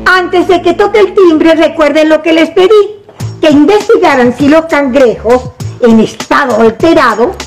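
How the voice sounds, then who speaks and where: An actress playing an elderly, easygoing schoolteacher in a TV sitcom, fussy when instructing. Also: female voice, high voice, normal speed, music in the background. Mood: instructing, breezy. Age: older. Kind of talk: television sitcom acting.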